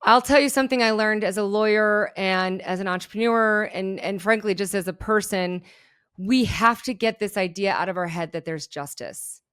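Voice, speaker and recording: With a medium-pitched, smooth, fairly bright voice at normal speed, a middle-aged German woman speaks in her native German background. As a keynote speaker and entrepreneur guesting on a podcast interview, she recounts her story with candor and energy.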